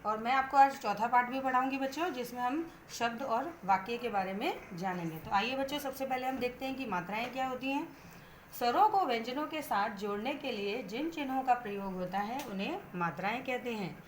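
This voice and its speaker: A woman's voice: fairly high pitch, a little fast, a little hiss or hum. A female Hindi teacher giving an online grammar lesson to children, patiently spelling words out sound by sound.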